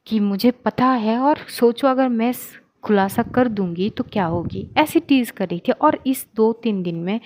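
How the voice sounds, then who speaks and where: Chatty woman storyteller, slightly high voice. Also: darkish tone. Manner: chatty, conversational, self-correcting. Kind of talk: casual story narration.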